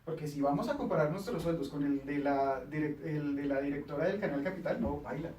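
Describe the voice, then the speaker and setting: A man's voice: a little high, brisk, a little mellow, roomy sound, distant mic, low-quality recording. A man hosting a casual studio chat, explaining communication tips and acting out little quoted exchanges.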